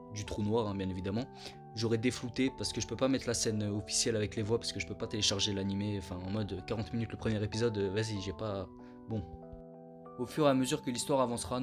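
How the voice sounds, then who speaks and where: Man, slangy anime vlogger, lowish voice over clear background music, easygoing and self-mocking. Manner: laid-back, slangy street talk; self-mocking, joking asides. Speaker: anime YouTuber. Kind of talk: casual anime review vlog.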